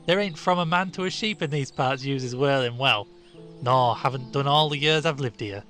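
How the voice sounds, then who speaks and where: A man voicing an old, superstitious country shepherd who talks in broad rustic dialect, louder and slightly higher than his own voice. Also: normal speed, soft background music, lightly acted. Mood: grave warning.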